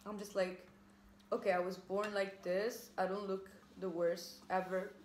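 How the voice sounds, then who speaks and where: Slow-talking young woman in an echoey room. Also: medium pitch, flat delivery, a little mellow. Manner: giggly, informal. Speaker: vlogger answering questions. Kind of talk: casual mukbang chat. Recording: echoey room with faint noise.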